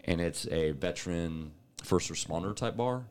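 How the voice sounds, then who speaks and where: A man co-hosting a podcast, telling animated stories in casual chat and laughing often. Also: low voice, normal speed, a little hiss or hum. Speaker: podcast co-host.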